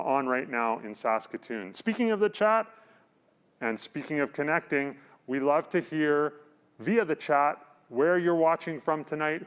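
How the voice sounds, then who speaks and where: A man's voice: on the high side, clean tone. A man hosting a live-streamed theatre show, chatting friendly and telling a story. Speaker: host.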